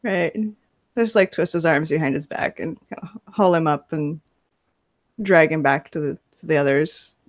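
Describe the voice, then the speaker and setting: A woman's voice: low-pitched, moderate pace. A woman playing a tabletop game, talking casually and hesitantly with many fillers and some laughter. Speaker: player.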